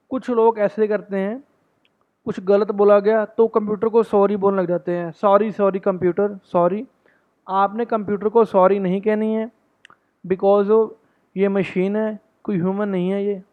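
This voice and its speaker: A man teaches test tips in a fairly high voice. He reads each point slowly, then talks it through in a relaxed way. The sound is thin and tinny, as if over a phone line. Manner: reads English points slowly, then explains them in casual Hindi. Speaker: English test tutor. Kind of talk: explaining exam tips, reading slowly then explaining in Hindi.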